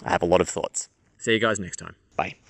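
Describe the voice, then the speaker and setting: A man's voice: sits low, fast talker, creaky, slight background noise. An Australian man recording a casual, jokey, confessional message in a car park. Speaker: guest contributor sending a farewell message. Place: in a parking garage or car park.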